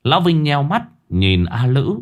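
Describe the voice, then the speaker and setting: Brief: male storyteller, lively pitch, dramatic scripted horror narration. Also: measured pace.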